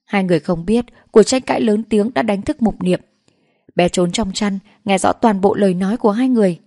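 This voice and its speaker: Brief: female audiobook narrator, steady and even, warm mellow tone, dry close sound. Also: medium pitch, brisk, dry recording. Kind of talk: scripted narration of a romance novel.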